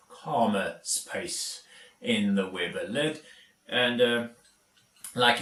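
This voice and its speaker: A South African man who speaks Afrikaans as his first language hosts a casual DIY vlog on YouTube, walking through each step with lots of fillers. His voice is mid-range with a fairly bright tone, recorded on a distant mic in an echoey room.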